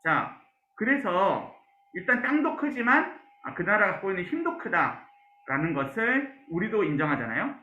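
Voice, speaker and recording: Male pastor, lively, high-pitched teaching voice; asks the class questions; roomy lo-fi sound. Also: moderate pace. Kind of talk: Bible class lecture.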